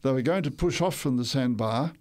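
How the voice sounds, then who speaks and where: Speaking at a medium pitch with a somewhat dark tone, this older Tongan guest on a radio show walks through his life at a brisk clip. He meanders a bit, starts over, fixes his own words, and laughs softly from time to time.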